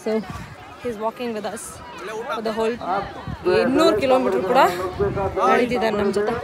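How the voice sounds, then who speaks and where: Chatty high-voiced woman vlogger outdoors. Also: steady tone, unhurried. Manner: chatty, teasing, switches between Kannada and English. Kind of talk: casual travel vlog with narration. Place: outdoors at a crowded pilgrimage camp. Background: crowd chatter.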